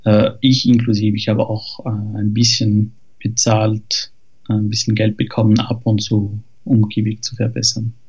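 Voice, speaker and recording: Man, French accent, hesitant, fillers, mellow tone, muffled lo-fi sound. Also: fairly low pitch, completely flat delivery, unhurried, slightly rough. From France. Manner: hesitant, many fillers and restarts. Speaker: guest, software developer. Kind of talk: casual podcast interview.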